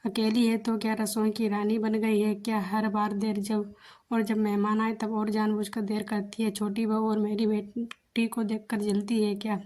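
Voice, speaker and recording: A woman voicing a nagging, taunting older mother-in-law in a narrated story, speaking in a flat, level tone. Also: medium pitch, moderate pace, close to an everyday voice. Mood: scolding. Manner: sharp, taunting.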